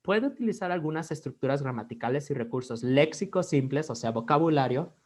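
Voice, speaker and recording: A man's voice: a little high, animated, brisk, a little mellow. A man with a Mexican Spanish accent teaching an online English class, switching between Spanish and English and checking in with "ok?" after nearly every phrase.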